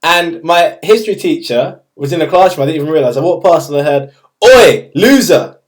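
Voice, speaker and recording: A man's voice: on the high side, quick pace. A young man chatting to camera in an upbeat, casual way and retelling a school story. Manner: upbeat, chatty, retells scenes with acted quotes. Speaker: vlogger.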